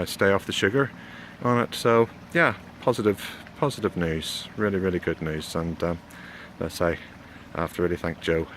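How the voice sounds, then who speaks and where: Standing outside by a road as cars go by, a video blogger in his 40s chats his way through a health update. His voice is low and a bit bright, and his delivery stumbles, with repeated words and frequent "you know"s, clear traffic noise in the background.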